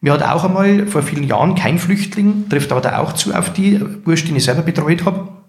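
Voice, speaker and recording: Earnest and reflective, a middle-aged man with a Bavarian accent, who manages a care home, tells anecdotes as an interview guest. His voice is a little high, animated, gravelly and fairly quick, and the room is echoey.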